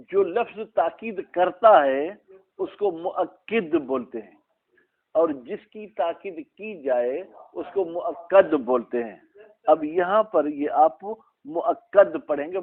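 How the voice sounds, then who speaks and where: Slow, phone-thin male teacher. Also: a little high. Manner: drills students by name, slow and explanatory. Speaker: teacher of Arabic grammar. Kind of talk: classroom lesson, questioning students. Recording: tinny phone-like recording.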